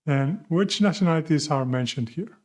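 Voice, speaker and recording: A man's voice: on the high side, expressive, normal speed, darkish tone. A man teaching a beginner language lesson, patiently asking questions and answering them himself. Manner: patient, asks questions and answers them, mixes English and Spanish. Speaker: Spanish teacher.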